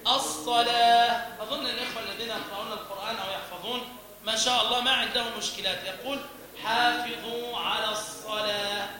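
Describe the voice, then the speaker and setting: Guy teaching call to prayer, chants examples, high bright voice, big echoey hall. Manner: demonstrates sounds by chanting and repeating syllables. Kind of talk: religious lesson with chanted examples.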